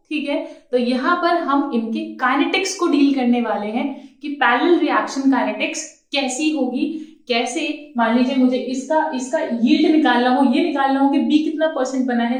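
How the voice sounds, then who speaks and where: A woman teaching a chemistry lecture. She talks in a coaxing way, keeps checking that her students follow, and addresses them affectionately. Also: sits high. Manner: coaxing, checks understanding, calls students "beta". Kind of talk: classroom lecture. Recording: very echoey room, mic far off.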